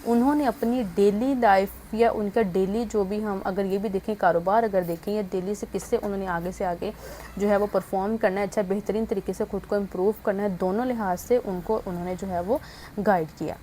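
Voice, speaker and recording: A woman teacher explains an English lesson at a steady, mid-pitched level, sounding out words one by one and mixing English terms into her talk. Faint noise sits under her voice. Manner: explanatory, mixing English terms into Urdu-Hindi speech, spells out sounds slowly. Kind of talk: explaining a textbook exercise in an online lesson.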